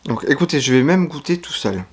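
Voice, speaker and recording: A man's voice: mid-range voice, lively intonation, fairly quick, slightly rough. A man giving casual food-tasting commentary to camera, chatty and frank, sometimes talking while chewing. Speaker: YouTuber tasting foreign food.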